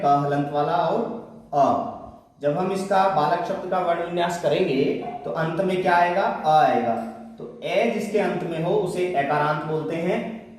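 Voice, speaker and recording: A middle-aged man with a Hindi accent teaching an online Sanskrit class, patiently asking questions and answering them himself. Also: a little high. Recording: very echoey room, a bit far from the mic.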